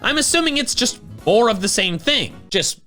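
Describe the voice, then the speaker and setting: A man's voice: very high voice, very animated, normal speed, sharp tone, faint music behind. A man reading a scripted video essay with playful, wry commentary.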